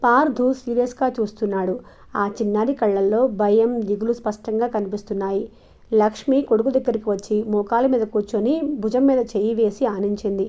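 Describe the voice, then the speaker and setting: Woman calmly narrating a novel. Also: a little high, brisk. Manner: calm, even storytelling. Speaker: audiobook narrator. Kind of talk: scripted narration. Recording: dull lo-fi recording.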